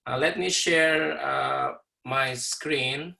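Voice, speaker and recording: A man teaching a university class over a video call, explaining slowly with many fillers and pauses. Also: mid-range voice, creaky, bright, forceful tone, rough recording. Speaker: university professor. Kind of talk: online lecture with class introductions.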